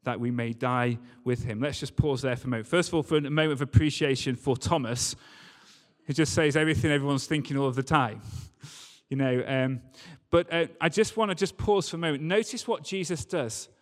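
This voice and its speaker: A man preaches a sermon at a church service in a large, reverberant hall, reading scripture and discussing it in an informal, conversational way. His voice is medium-pitched and a little fast, with long hall reverb on the recording.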